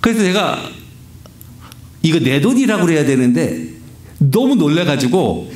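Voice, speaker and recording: A middle-aged male pastor delivering a sermon as a humorous, animated personal story, often breaking into laughter. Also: on the high side, a little slow. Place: church sanctuary. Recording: roomy church reverb.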